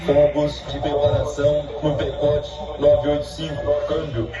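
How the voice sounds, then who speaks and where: A man's voice: a little high, completely flat delivery, measured pace, heavy background noise. A man playing an army radio operator, calling in fire in clipped radio procedure over a military radio. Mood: terse. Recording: muffled distant radio audio with loud music.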